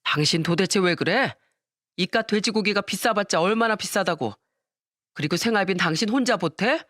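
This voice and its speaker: A woman's voice: mid-range voice, moderate pace, fairly bright tone, no room sound, clean studio sound, close to an everyday voice. A woman voicing an indignant grown son and husband in a storytelling radio drama, talking in a raised, exasperated way. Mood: angry.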